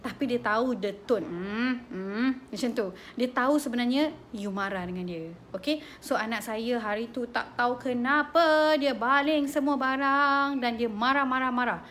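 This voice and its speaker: High-voiced Malaysian mom host. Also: female voice, normal speed, few pauses, slight background noise. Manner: lively, switches between Malay and English. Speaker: host and mother. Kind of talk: casual parenting talk.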